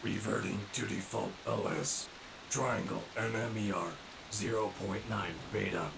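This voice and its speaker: A man's voice: lowish voice, a little slow, creaky, far from the mic, noisy background. A man voicing a male cyborg villain in a video game who reads out a system failure and reboot like a crashed computer. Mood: robotic. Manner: flat system readout announcing failure and reboot.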